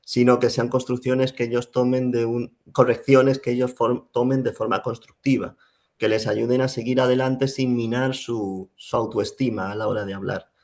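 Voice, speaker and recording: Man, gravelly voice, middle pitch, thoughtful, pauses and restarts, interview guest. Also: flat delivery, a little mellow. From Spain. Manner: reflective, many fillers and restarts. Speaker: Spanish teacher, guest. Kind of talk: casual interview talk.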